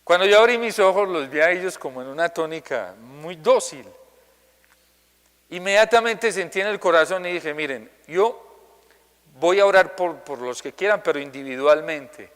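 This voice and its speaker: A man's voice: on the high side, moderate pace, clear, resonant tone, long reverb tail. A male Colombian priest giving a homily, telling a personal story and acting out the people he quotes. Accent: Colombian Spanish. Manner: storytelling, quoting others in lively voices.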